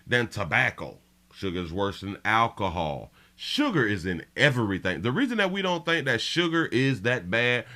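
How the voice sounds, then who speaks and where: Man casually hosting a livestream. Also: fairly low pitch. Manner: shouting out viewers by area code, slangy and loose. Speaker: livestream host.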